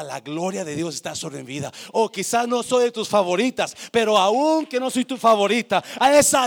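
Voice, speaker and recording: A male pastor preaching a sermon with passion, calling out to the congregation and swinging from hushed to shouting. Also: high voice, vocal fry. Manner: calls out to congregation.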